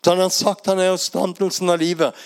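Older Norwegian preacher, fairly high voice. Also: male voice, little pitch movement, clean tone. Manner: storytelling Bible exposition with rhetorical questions. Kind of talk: sermon.

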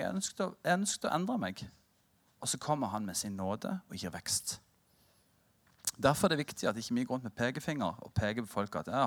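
A male preacher in his thirties delivers a sermon as a personal story. His voice swings widely in pitch as he jokes with the room, then drops low and earnest for the point. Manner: storytelling, animated and humorous with the congregation.

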